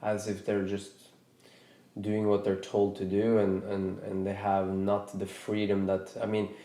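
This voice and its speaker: Slow and hesitant, a thirtysomething Norwegian podcast host thinks out loud in a reflective chat, frequently restarting his sentences. His voice is warm, mellow, low and monotone, and the space around him echoes noticeably.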